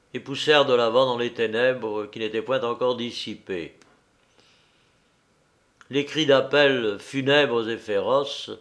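A man reading a novel aloud in a measured, deliberate audiobook narration. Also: medium pitch, fairly bright tone.

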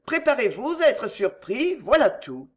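Reader doing an anxious housemaid, high voice, earnest and worried, storybook reading. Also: female voice, big pitch swings, unhurried. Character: anxious female household servant.

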